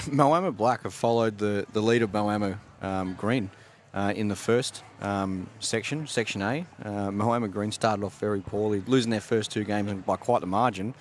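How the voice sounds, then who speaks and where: Lowish Aussie man commentating bowls. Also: moderate pace, few pauses, slight background noise. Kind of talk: live sports commentary.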